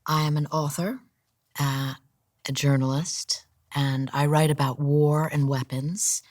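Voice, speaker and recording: A woman with a very deep voice speaks as an author and journalist guest in an interview. She sounds earnest and grave, and sometimes drops almost to a whisper. The recording is dry and close. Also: fairly even intonation, unhurried, darkish tone, no room sound. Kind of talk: interview answers.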